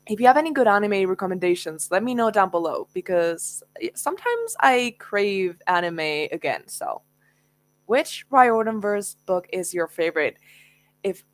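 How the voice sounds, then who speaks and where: On a relaxed Q&A livestream, this book YouTuber, a young woman whose first language is Spanish, fields viewer questions with frequent laughter. She speaks at a medium pitch, with no echo in the audio.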